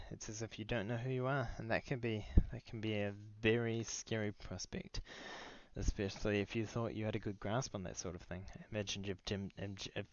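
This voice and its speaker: A young man giving a grandiose, mock-solemn comic monologue with deadpan earnestness and sudden loud outbursts. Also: lowish voice, no room sound. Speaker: comedic monologue performer. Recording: dull lo-fi recording.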